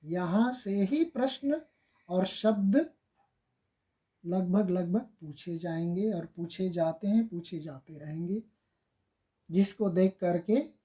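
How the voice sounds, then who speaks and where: Slow, mellow-voiced woman teaching grammar. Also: lowish voice. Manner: slow, repeats examples with stress on key words; addresses viewers as friends, step-by-step explaining. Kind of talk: exam-prep grammar lesson.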